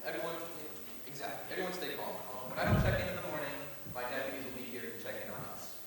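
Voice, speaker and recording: A man playing a flustered, bossy small-town police chief, calming a crowd in a comic stage murder mystery. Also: mid-range voice, fast, close to an everyday voice. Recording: echoey hall, distant mic, faint noise.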